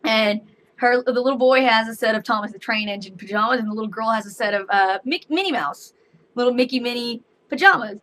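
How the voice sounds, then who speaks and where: A woman's voice: fairly high pitch, brisk, fairly bright tone. A young adult woman who works as a store cashier, chatting animatedly and acting out dialogue in a casual storytelling vlog.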